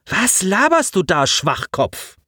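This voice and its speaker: A man's voice: high-pitched, wildly swooping pitch, slow pace, pushed and bright, husky, no echo, clean studio sound, voice pushed up, exaggerated voice. A man voicing a burly, hostile teenage bully who blusters rudely. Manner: rude, blustering.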